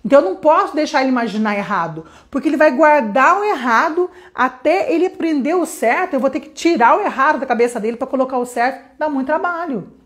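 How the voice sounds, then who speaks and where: A woman from Brazil teaching English on a live stream, chatty and lively, greeting viewers by name. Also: high voice, fast talker, few pauses. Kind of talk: live-streamed lesson chat.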